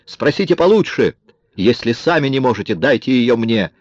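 A man voicing a desperate, fierce young woman holding a gun, raising his voice to a shrill, shouting pitch. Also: sing-song, a little slow, dry recording. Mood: furious. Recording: dry, dull lo-fi recording.

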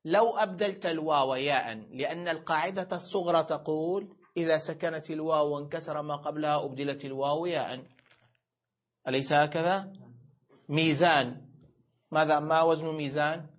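A man teaching a grammar lesson, asking questions and answering them himself, stretching words out slowly as he explains each form. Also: a little high, fairly even intonation. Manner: explains step by step, asks and answers own questions; stretches words slowly when spelling out forms. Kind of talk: classroom lesson. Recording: dull lo-fi lecture recording.

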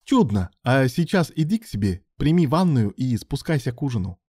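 A man's voice: medium pitch, sing-song, moderate pace, dark tone, slightly rough, no echo, clean studio sound, pitched above the performer's own voice. A man voicing a stubborn, teasing father who talks in a smug, mocking, defiant way. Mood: gentle. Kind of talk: audiobook character voice.

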